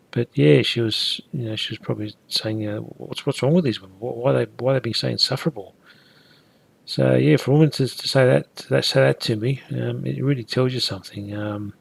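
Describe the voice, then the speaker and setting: Gravelly, husky man ranting. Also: mid-range voice, no echo. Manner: blunt, ranting and repetitive. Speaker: vlogger. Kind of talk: casual monologue.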